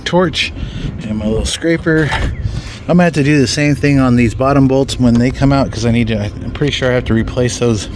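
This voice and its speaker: A man's voice: medium pitch, a little fast, darkish tone, a little hiss or hum. A man giving casual, rambling commentary outdoors while working on his own vehicle, full of ums and mild swearing. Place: outdoors in a yard beside a vehicle.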